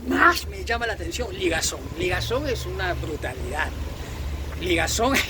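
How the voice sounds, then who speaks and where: Hosting a video amid heavy noise, a man from Peru speaks with a Peruvian accent at a moderate pace, his high voice swinging widely in pitch. His informal, opinionated monologue is emphatic and repetitive, with florid wording.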